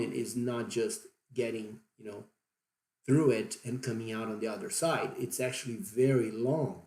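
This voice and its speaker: A Brazilian diving vlogger in his forties explains something at length without a script, speaking with a Brazilian accent and plenty of fillers and restarts. His voice is lowish, creaky and a bit mellow, recorded in an echoey room.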